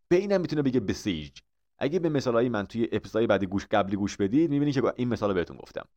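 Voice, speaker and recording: Persian-accented man teaching vocabulary, low voice. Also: a little mellow, dull audio. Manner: explains patiently, asks and answers his own questions. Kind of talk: recorded vocabulary lesson.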